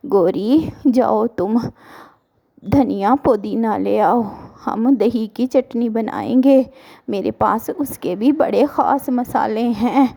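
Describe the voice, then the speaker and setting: A woman voicing a crafty older mother-in-law in a cartoon story, slow and knowing. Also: on the high side, vocal fry, dark tone, exaggerated voice.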